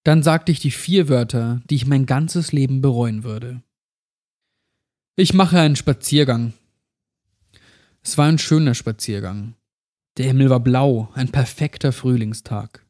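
A man's voice: medium pitch, moderate pace, warm tone. Somber male horror story narrator.

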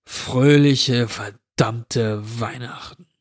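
A sinister intruder with a slow, drawn-out way of speaking, as a man voices him. He sounds cold and mocking in a storybook horror tale, and his voice sits in a middle register. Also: medium pitch, fairly bright tone. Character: menacing drawling male intruder who grants wishes.

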